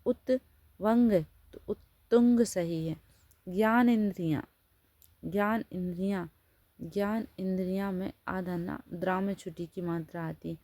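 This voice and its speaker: A woman teacher with a fairly low, mellow voice gives a spelling lesson. She says each word, then explains and corrects it patiently. The recording is dry and close. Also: steady tone, measured pace, no echo.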